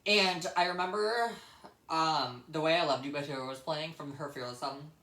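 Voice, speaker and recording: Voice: mid-range voice, moderate pace, sharp tone. Young vlogger rambling bluntly in echoey room. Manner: blunt, swears freely, emphatic repetition. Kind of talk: casual rambling personal storytelling.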